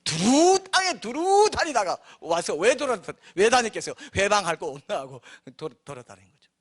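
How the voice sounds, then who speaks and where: A male pastor delivers a sermon with a fairly high voice that swings up and down constantly. He jokes with the congregation and slips into acted-out voices. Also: moderate pace. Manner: animated, joking, acts out voices.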